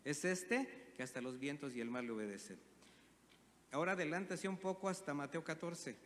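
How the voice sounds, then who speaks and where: A man's voice: on the high side, normal speed, a bit bright, in a large hall, a little hiss or hum. A man with a Mexican Spanish accent preaching a sermon, reading scripture aloud and explaining it with questions to the congregation. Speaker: pastor. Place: church hall.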